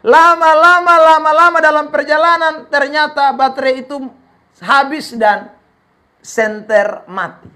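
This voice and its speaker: A male pastor preaching an emphatic sermon, telling a story with shouted exhortations. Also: high-pitched.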